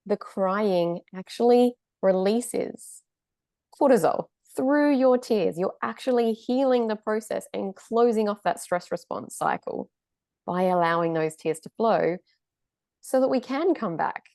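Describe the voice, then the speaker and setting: A woman's voice: mid-range voice, measured pace, darkish tone, no echo, studio quality. A woman hosting a podcast, affirming her guest and explaining ideas in a conversational way. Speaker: podcast host.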